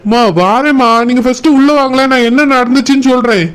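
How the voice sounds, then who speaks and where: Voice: high voice, steady tone, fast, natural voice. A performer voicing a meek young husband in a cartoon, with a Kanyakumari Tamil accent, pleading and apologetic toward his parents. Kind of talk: cartoon voice acting. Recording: background noise.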